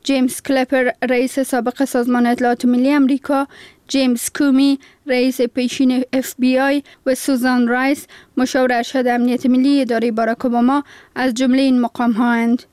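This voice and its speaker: A woman's voice: high-pitched, level tone, a little mellow, dry recording. A woman reading a formal scripted news report. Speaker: news reader.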